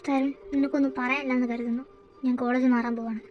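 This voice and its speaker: Brief: a woman as a torn young student, very high voice, pleading and close to tears. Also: level tone, fast talker, lo-fi sound, natural voice. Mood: cold. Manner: emotional, pleading. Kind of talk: amateur audio drama.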